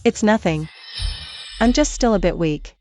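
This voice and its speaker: A woman's voice: medium pitch, lively intonation, measured pace, a little mellow, no echo, faint music behind, natural voice. A woman acting a principled, guarded young mother in a screen drama, speaking with restraint. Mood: weak, guarded. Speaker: female lead in a drama.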